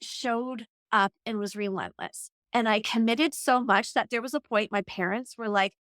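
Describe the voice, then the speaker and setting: A woman's voice: fairly high pitch, steady tone, normal speed, a bit bright, dry recording, clean studio sound. A woman in her forties, a coach and podcast guest, telling her story earnestly and reflectively with many "like" fillers. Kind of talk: conversational storytelling.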